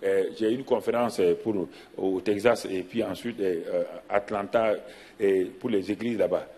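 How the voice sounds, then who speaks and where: A middle-aged man preaching a sermon as pastor, animated, repeating himself and asking rhetorical questions. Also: on the low side, unhurried.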